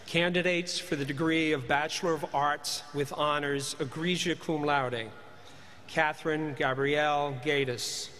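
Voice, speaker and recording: A man formally announcing graduates at a commencement, speaking at a podium microphone and reading names in a measured, deliberate way. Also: fairly high pitch, fairly even intonation, pushed and bright. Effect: speaking into a podium microphone in a large hall. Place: large ceremony hall. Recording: reverberant hall, faint ambience.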